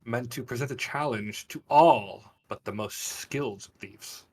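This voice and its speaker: A game master narrates a tabletop fantasy game on a live online stream, painting scenes with rich, theatrical, dramatic detail. His mid-range voice is a little mellow and measured in pace, with slight hiss or hum and a mic set some distance away.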